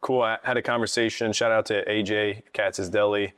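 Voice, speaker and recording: A man's voice: lowish voice, level tone, normal speed, a bit bright, no room sound, studio quality. A man hosting a podcast, chatting casually and in a friendly way with his guest. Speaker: podcast host.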